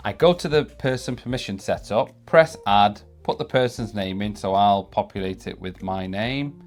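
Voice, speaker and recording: Man demonstrating gadgets over background music. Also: medium pitch. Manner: explanatory, step by step. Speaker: product reviewer and demonstrator. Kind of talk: casual product demo walkthrough. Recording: music behind the voice.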